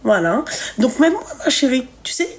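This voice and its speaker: A woman's voice: high-pitched, very animated, normal speed. A woman hosts a live stream, giving blunt relationship advice in casual chat, swearing freely and full of fillers. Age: 30s.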